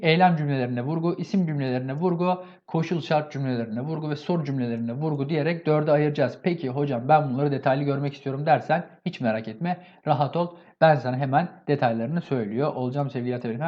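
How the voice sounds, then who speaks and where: Brisk, energetic male teacher. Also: on the high side, lo-fi sound. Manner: energetic, keeps asking and answering his own questions; often repeats an affectionate address to his viewers. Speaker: Turkish grammar teacher. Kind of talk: online exam-prep lesson.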